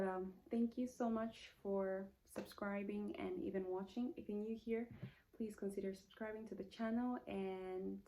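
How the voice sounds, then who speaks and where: Woman in her late twenties, from Zambia, casual vlog chat, rambling, lots of fillers, warm mellow tone. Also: mid-range voice, low-quality recording. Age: late 20s. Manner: chatty, rambling, self-correcting with many fillers. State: feeling hot in the room. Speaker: vlogger. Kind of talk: casual get-to-know-me vlog. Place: indoor room.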